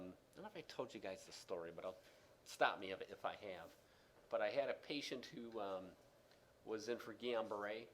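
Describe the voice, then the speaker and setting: A man with a fairly low-pitched voice lectures a class on respiratory therapy, rambling with many fillers and restarts. His volume rises and falls, and his sentences trail off, with slight background noise present.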